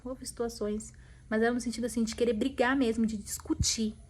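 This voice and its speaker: A woman's voice: on the high side, flat delivery, a little fast, a little mellow. A woman with a Brazilian Portuguese accent sharing a personal faith testimony with her viewers. She speaks emotionally, repeats phrases for emphasis and keeps turning to the audience, sometimes dropping into a whisper.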